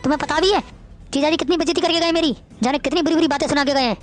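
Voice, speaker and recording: A woman's voice: high voice, very fast, faint music behind, close to an everyday voice. A woman playing a young man from a poor family in a family drama, pleading with his in-laws. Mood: angry. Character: young man, poor brother, touchy but meek. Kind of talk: Hindi family drama acting.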